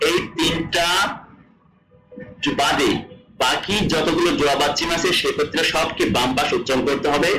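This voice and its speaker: A man's voice: fairly high pitch, echoey room, rough recording. A man from Bangladesh teaching a language lesson, repeating each rule and quizzing his students as he explains. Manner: repeats rules and asks the class questions.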